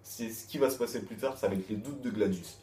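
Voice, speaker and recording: Low-voiced young man, casual manga review. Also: fast talker, dark tone, reverberant. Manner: candid, repeats words while thinking.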